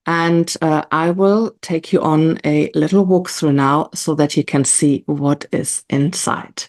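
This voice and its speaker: A woman's voice: deep voice, steady tone, slow, a little mellow. A middle-aged woman, a planner designer and online entrepreneur, giving a casual, chatty product walkthrough to her camera, often using "you know" as a filler.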